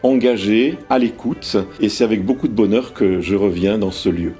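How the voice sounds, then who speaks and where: Man with a dark, measured voice. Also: on the low side, faint music behind. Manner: measured, explanatory, with hesitations. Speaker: lyric singer. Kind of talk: interview.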